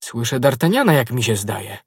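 A man's voice: mid-range voice, sing-song, moderate pace, slightly rough, no echo, studio quality. A man voicing a curt, mocking nobleman. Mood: sardonic. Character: sardonic male nobleman barricaded in a cellar. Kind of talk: audiobook role.

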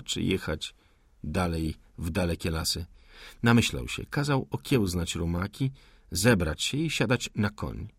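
Male narrator, audiobook, measured deliberate reading, low voice, dry close recording. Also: creaky, husky, no room sound.

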